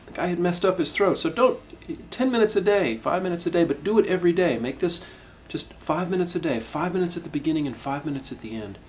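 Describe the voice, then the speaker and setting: A middle-aged man teaching a harmonica lesson, explaining in a calm, reflective way with frequent restarts. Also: a little high, fast talker, hardly any pauses, a little hiss or hum. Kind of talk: instructional video lesson.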